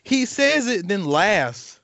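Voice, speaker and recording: A man's voice: high voice, sing-song, takes it slowly, vocal fry, fairly bright tone, highs cut off. A man chatting casually about music with friends in slangy frat-bro talk peppered with "bro".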